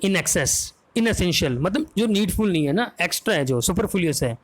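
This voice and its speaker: A man's voice: high voice, animated, normal speed. A man with an Indian accent teaching English vocabulary for an exam, spelling words out letter by letter and often checking that students follow.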